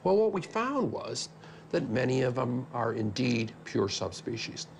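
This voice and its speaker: A man's voice: mid-range voice, very animated, unhurried, a little hiss or hum. An older man, a scientist, explaining his views conversationally in a documentary interview. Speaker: geneticist interviewee.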